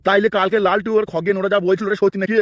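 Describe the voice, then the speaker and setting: Give me a stubborn, suspicious cartoon husband played by a man, quick and highish. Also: level tone, no echo, studio quality, lightly acted. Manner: nagging, suspicious. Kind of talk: comic cartoon dubbing.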